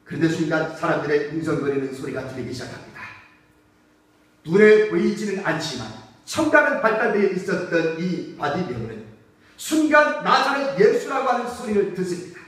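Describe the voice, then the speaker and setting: A man's voice: high voice, expressive, fairly quick, a bit bright. A man preaching a sermon as pastor, emphatic and full of rhetorical questions to the congregation. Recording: echoey church hall from far off.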